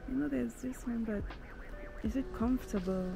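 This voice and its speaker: A woman's voice: a little high, moderate pace, vocal fry. A woman in her twenties chatting casually to a handheld camera as she browses and tries on shoes in a store. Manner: chatty, thinking aloud while trying on shoes. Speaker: vlogger. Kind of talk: casual shopping vlog. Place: shoe store, then indoor mall. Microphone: handheld camera at arm's length. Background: store music.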